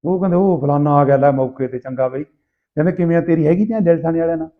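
A man with a Malwai Punjabi accent casually telling anecdotes in rough, earthy, animated banter, acting out people's dialogue. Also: a little high, quick pace. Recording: tinny, phone-like narrow sound.

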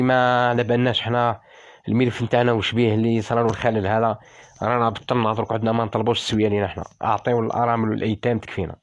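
A man in his fifties with an Algerian Arabic accent, a former soldier making an emotional, indignant appeal on a livestream and repeating phrases as he pleads. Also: fairly low pitch. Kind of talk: impassioned live-stream appeal.

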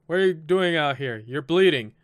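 A man's voice: on the high side, animated, moderate pace, dry recording, clean studio sound, close to an everyday voice. A man reading the lines of a kindly, caring neighbor woman in a game, polite and insistent. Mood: concerned.

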